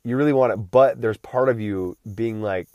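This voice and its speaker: A man's voice: mid-range voice, moderate pace, dry recording, dull audio. A man in his late thirties talking through a casual solo podcast, rambling with frequent restarts and fillers while recovering from feeling unwell. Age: 30s. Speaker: podcast host.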